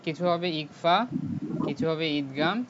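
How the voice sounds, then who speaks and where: A fairly high-voiced man teaches a Quran recitation class over a video call, patiently repeating each question and waiting for his students to answer back. The audio is muffled, with a steady hiss of noise behind him. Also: moderate pace. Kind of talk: online class teaching with call-and-response drills.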